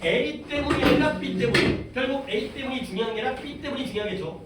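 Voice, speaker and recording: A man's voice: very high voice, brisk. A male English teacher giving a classroom reading lesson, explaining step by step and putting questions to the class. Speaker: high school English teacher. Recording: echoey room, mic at a distance, faint background noise.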